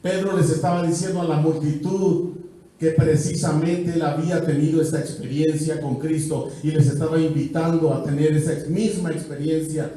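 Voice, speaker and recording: High-voiced Mexican preacher in an echoing hall. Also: male voice, fairly even intonation, moderate pace, mellow, a little hiss or hum. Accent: Mexican Spanish. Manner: rhythmic preaching with repeated phrases, swelling and dropping. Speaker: pastor. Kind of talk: evangelistic sermon. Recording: very echoey church hall, mic far off.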